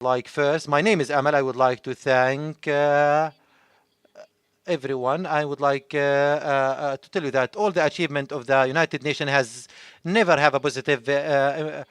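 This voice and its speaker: Male conference interpreter, slightly high voice, hesitant delivery, dry mic. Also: steady tone, a bit bright, smooth, no room sound. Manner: halting, many filler pauses. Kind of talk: live consecutive interpreting. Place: conference hall.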